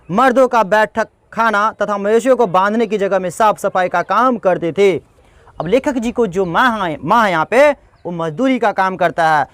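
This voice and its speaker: A man's voice: high voice, dry recording. A male teacher explaining a textbook lesson line by line. He restates each passage in simple words and speaks to the students as friends.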